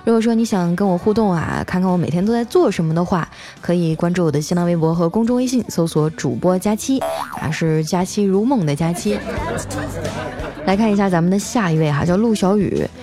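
A woman's voice: lowish voice, a little fast, dark tone, faint music behind, some chatter behind. Chatty young woman hosting a comedy show. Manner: chatty, playful, trails phrases with 啊. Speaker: podcast host. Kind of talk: comic storytelling and listener messages.

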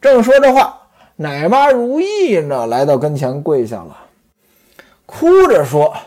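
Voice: mid-range voice, huge pitch swings, measured pace, mellow. A storyteller retelling a classic novel in a conversational way, turning often to the listeners.

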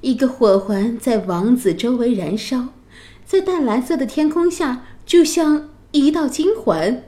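Slow, expressive woman storyteller. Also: sits high. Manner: gentle, expressive reading. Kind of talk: children's story narration. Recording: roomy echo.

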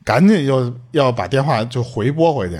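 A man's voice: mid-range voice, moderate pace, breathy edge. A man, hosting a podcast and retelling a listener's eerie story in casual chat, acting out quoted lines and swearing. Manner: animated, swearing, acts out quoted speech.

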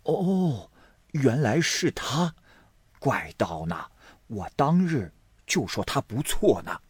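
A male storyteller puts on an elderly country grandmother, humble and earthy, from an audiobook. Her voice sits a touch higher than his own, husky and lively in its rises and falls. The recording is close and dry. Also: slow pace, dry recording, exaggerated voice. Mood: surprised. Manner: earthy, homely and deferential.

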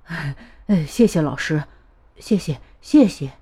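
A woman's voice: sits low, lively intonation, takes it slowly, mellow, slightly rough, pitched below the performer's own voice, heavily acted. A woman voicing a nervous father who apologizes again and again on the phone, in a read-aloud storybook. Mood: flustered. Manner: flustered, repeats himself humbly. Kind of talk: storybook reading.

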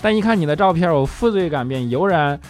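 A man's voice: on the high side, animated, brisk. A male show host reading listener comments aloud and teasing them with jokes, laughing often in a playful manner. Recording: music bed under the voice.

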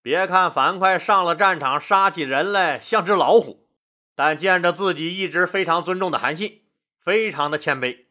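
A man telling history stories as host of an audio show, lively and colloquial with asides. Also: high-pitched, normal speed. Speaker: storyteller host. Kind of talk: history storytelling.

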